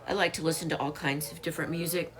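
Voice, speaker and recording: Talking fast in a deep, steady voice, a woman in her late fifties runs a casual live stream from home, welcoming viewers by name and listing items to sell. A crowd can be heard in the background.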